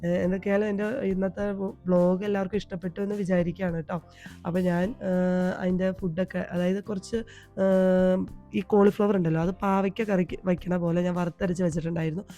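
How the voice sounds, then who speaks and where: A woman vlogger with a Malayali accent, hoarse from a cold, chatting homely in a voice-over about her day. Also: lowish voice, flat delivery, quick pace, soft background music. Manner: chatty, homely, tags sentences with a soft "ട്ടോ". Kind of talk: home vlog voice-over. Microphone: voice-over recorded at home.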